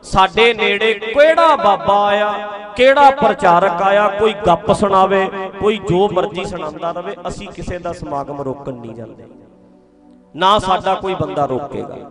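A man preaching from a stage in a fairly high voice, earnest and pleading as he repeats his points to the congregation. He speaks into a stage microphone. A large crowd is heard clearly around him. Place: outdoor religious gathering stage. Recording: crowd noise from a large gathering.

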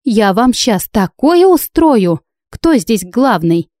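A woman plays a brash young heroine who puts on a show. She talks loud and high with a mellow tone and a mock-innocent edge. The audiobook sound is dry and close. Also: animated, normal speed, dry recording, natural voice. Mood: indignant.

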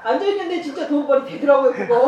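A woman's voice: high-pitched, darkish tone, muffled recording. A woman giving a sermon with a personal testimony. She acts out dialogue as she tells the story and laughs often. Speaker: evangelism trainer. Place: church. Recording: echoey church hall, mic at a distance.

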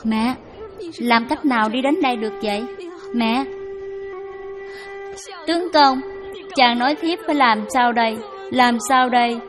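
A young woman voicing a devoted, gentle widowed daughter-in-law who speaks softly and humbly. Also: fairly high pitch, measured pace, long pauses, over music, lightly acted. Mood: anxious. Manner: soft, pleading, humble.

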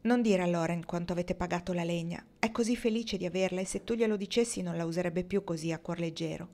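A woman reading the part of a grateful, warm-hearted young woman in an audiobook, speaking in a heartfelt, emotional way. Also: lowish voice, fast, lightly acted.

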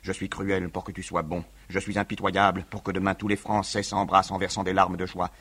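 A man's voice: low-pitched, flat delivery, brisk, fairly bright tone, breathy edge, full character voice. An actor playing a brooding, fanatical young male revolutionary in a 1950s radio reading, with grave, solemn declamation. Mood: grave, somber.

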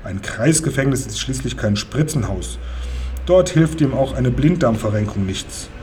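A pompous middle-aged police sergeant from a children's storybook, as a male reader puts him on. He speaks with hearty self-importance, full of official certainty. The tone stays warm and mellow, with a faint hiss behind it. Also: medium pitch, animated, moderate pace, close to an everyday voice. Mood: assured.

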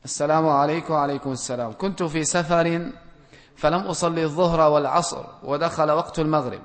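A man's voice: on the high side, quick pace. Man giving rulings in an echoing hall. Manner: direct, plain rulings with gentle admonishment. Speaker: religious scholar answering questions. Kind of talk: reading out and answering audience questions. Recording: long reverb from a large hall.

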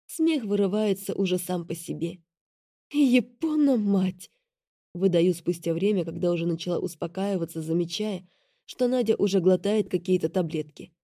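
A woman reading a first-person novel aloud in a lively, ironic storytelling manner. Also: mid-range voice, no echo, studio quality. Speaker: audiobook reader.

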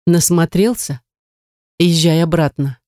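A woman's voice: deep voice, unhurried, a little mellow, no room sound, studio quality. A reader voicing a frightened young woman who is defensive and defiant, in an audiobook. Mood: bitter. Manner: pleading, defiant. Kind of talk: audiobook narration.

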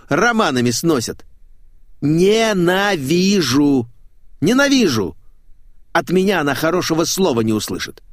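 A man's voice: high voice, no echo, studio quality, voice pushed up. A man voicing a vain, envious male literary critic who boasts and rants in an audiobook. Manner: indignant, boastful.

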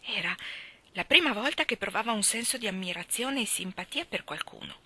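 A woman giving a calm, measured storybook narration as an audiobook reader. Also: medium pitch, husky, no room sound.

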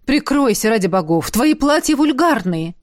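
A woman's voice: fairly high pitch, sing-song, normal speed, no echo. Narrator reads a curt young nobleman: clipped, dry, impatient lines, slightly raised voice. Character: young male lord, curt, dry, stern.

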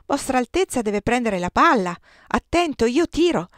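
A woman reading the part of a young, eager male count, loud and formal. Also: medium pitch, brisk, dry recording, clean studio sound, close to an everyday voice. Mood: calling out.

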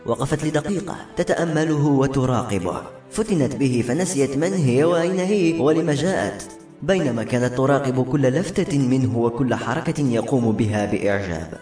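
A man narrating a novel as an audiobook, in an expressive storytelling manner. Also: medium pitch, a little fast. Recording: roomy echo with soft music.

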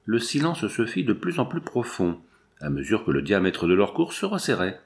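A man narrating an audiobook in an expressive, dramatic reading style. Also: on the low side, moderate pace. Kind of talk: scripted narration.

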